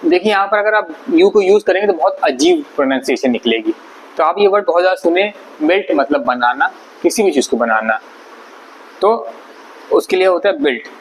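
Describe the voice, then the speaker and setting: A man with a slightly high voice gives an English pronunciation lesson. He explains patiently, repeating and spelling out each word. Faint background noise runs under the recording. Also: expressive, fairly quick, low-quality recording. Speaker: English teacher. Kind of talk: spoken vocabulary lesson.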